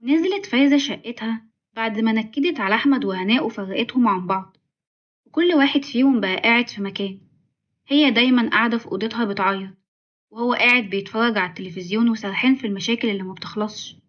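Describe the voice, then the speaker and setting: A woman with an Egyptian accent narrating a family story in a brisk, dramatic way. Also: a little high, muffled recording. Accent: Egyptian Arabic.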